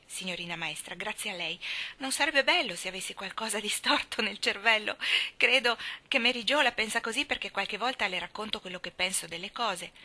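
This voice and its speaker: Earnest little schoolboy, solemn and worried, bright clear voice, read by a woman. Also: medium pitch. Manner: solemn, anxious, talks like a grown-up. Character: earnest, thoughtful young schoolboy. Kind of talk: audiobook character reading.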